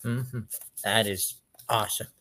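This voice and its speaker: A man's voice: on the low side, steady tone, measured pace, pushed and bright, no echo. A man hosting an interview, asking questions in an upbeat, encouraging way. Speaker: interview host. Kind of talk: casual interview chat.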